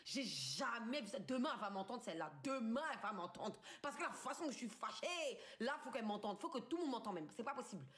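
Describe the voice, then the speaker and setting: A young French streamer in her twenties rages through a story from her bedroom, swearing and using street slang into a phone camera. She talks fast with few pauses, in a fairly bright, somewhat high voice with lively intonation.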